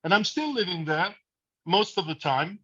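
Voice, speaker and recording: A man's voice: sits high, lively intonation, normal speed, bright, forceful tone, husky, muffled recording. A man in his seventies from Morocco, speaking earnestly and bluntly during a video call. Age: 70s. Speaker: audience member asking a question. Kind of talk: impassioned monologue on a video call.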